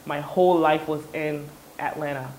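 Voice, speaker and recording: A young woman from Ghana, raised in the States, telling her story as an entrepreneur in a relaxed, chatty interview with fillers. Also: low voice, normal speed, a little hiss or hum, poor audio. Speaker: entrepreneur guest. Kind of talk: interview conversation.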